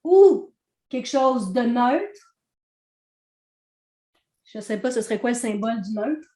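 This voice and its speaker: Québécois woman teaching, fairly high voice. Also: expressive, takes it slowly, warm tone, reverberant. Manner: conversational, checks in with "ok?". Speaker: trainer. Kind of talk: teaching a training session.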